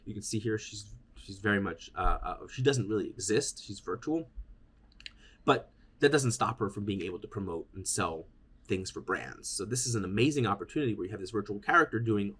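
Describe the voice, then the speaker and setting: A man's voice: fairly low pitch, animated, fairly quick, a bit bright, slightly rough. A man giving a conference keynote in an informal, meandering way, often restarting his sentences. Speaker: keynote speaker.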